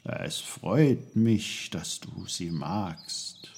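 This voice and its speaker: A man voicing old talking trees, speaking slowly and gently with a rumble. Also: lively intonation, heavily acted. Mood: calm. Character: old wise talking trees, slow and deep.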